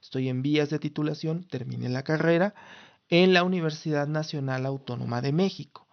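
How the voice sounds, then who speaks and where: The audio is dull, and the man's gravelly voice sits fairly high and moves fairly quickly. He's a Mexican podcast host in his thirties from Mexico City, speaking Mexican Spanish on his casual solo show with formal, lawyerly phrasing and many restarts.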